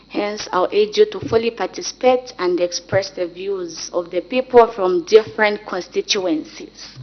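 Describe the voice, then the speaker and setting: A woman with a Zambian accent presides formally as parliamentary speaker, giving procedural instructions in a measured, authoritative way. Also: medium pitch. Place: debating chamber. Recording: dull, muffled live-stream sound.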